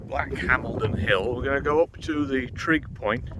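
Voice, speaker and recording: A man's voice: mid-range voice, normal speed. A middle-aged man, chatting as he walks and guides viewers along a hike, laughing easily and stopping to tell the history. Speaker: hiking vlogger and guide. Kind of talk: casual walking commentary with narrated history. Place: outdoors on a windy open moor. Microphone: camera mic carried while walking. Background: wind and backing music.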